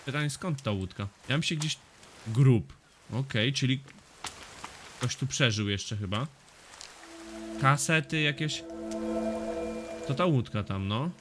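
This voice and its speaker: Swearing excitable gaming commentator, man. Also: mid-range voice, takes it slowly, pauses often, over music. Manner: swears often, excitable reactions to the game. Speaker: gaming YouTuber. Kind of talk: casual let's-play commentary.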